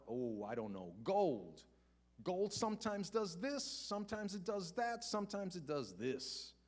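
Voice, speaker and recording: An older man giving a conversational finance talk to a church congregation. He asks rhetorical questions and slows down to repeat key points. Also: a little high. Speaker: guest speaker on personal finance. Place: church sanctuary before a congregation.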